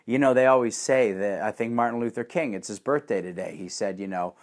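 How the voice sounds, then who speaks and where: A man delivering a profane, sarcastic ranting monologue with animated swings in energy. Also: on the low side, brisk.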